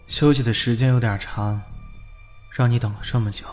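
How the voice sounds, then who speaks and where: A man playing an uncanny young male shadow double in an audiobook drama, speaking in a low, intimate, coaxing way. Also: steady tone, normal speed, a little mellow, faint music behind, lightly acted. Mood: soft, coaxing.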